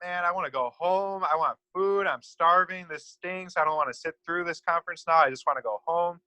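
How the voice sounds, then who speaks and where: A man's voice: on the high side, brisk, dry recording, voice pushed up, poor audio. A man doing an angry, starving young man ranting. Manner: loud complaining, ranting. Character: hungry, angry young man shouting complaints.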